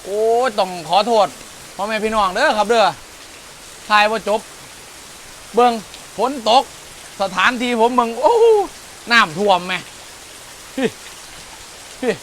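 A man with an Isan accent, vlogging a meal outdoors in the rain, loud and excitable and exclaiming often. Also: high voice, unhurried, long pauses, slight background noise. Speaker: food vlogger. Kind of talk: casual outdoor cooking vlog.

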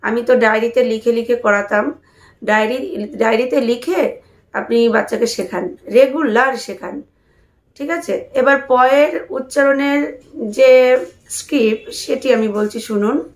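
A patient woman with a slightly high voice walks parents through a speech lesson at an unhurried pace. She repeats each syllable slowly and clearly, like a teacher leading practice. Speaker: speech-tips channel host. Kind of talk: slow spoken lesson for parents.

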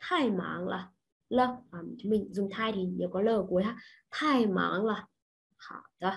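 Vietnamese woman, online language teacher, patient, keeps checking in with the class, mid-pitched voice. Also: a little slow, vocal fry. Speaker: Chinese teacher.

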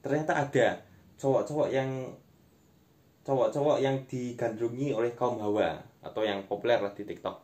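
A man's voice: medium pitch, fairly even intonation, moderate pace, darkish tone. A young man, delivering a conversational, self-deprecating stand-up monologue to camera in a room at home. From Indonesia. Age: young adult. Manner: conversational, self-deprecating, often addressing listeners as friends. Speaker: amateur stand-up comedian. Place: small room at home, indoors.

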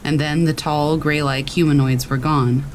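Over a steady patter of rain, a man with a slightly high voice reads scary stories at a normal speed. It's a scripted horror narration, with the rain sound running constantly beneath his voice.

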